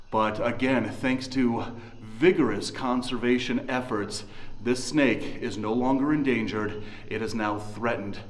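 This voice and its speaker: A man in his forties hosting a wildlife adventure vlog, speaking emphatically and informally to viewers. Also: medium pitch. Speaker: wildlife adventure show host. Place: inside a rocky cave. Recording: echoey cave, music behind.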